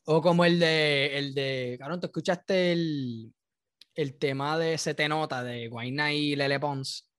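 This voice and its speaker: A Puerto Rican man hosts a casual podcast, loose and profane, laughing often. His voice sits a bit high. The sound is dry and close, with no room around it. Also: steady tone, unhurried, fairly bright tone, clear, resonant tone, no echo. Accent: Puerto Rican Spanish. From Puerto Rico. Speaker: podcast host. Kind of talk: casual podcast chat reacting to a video.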